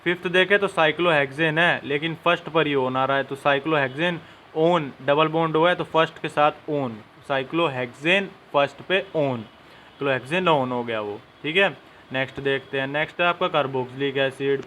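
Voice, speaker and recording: This is a classroom-style chemistry lesson from a young man who explains each step and talks directly to his students. He sounds brisk, with a voice on the high side that is pushed and bright, and there's a little hiss or hum.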